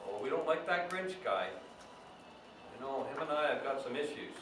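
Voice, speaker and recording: A man's voice: mid-range voice, animated, moderate pace, close to an everyday voice. A man playing Santa Claus as a jolly, folksy storytime host, reading storybooks aloud to children with chatty asides. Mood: jolly, playful. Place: echoey indoor room, away from the mic. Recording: very echoey room, distant mic, faint noise.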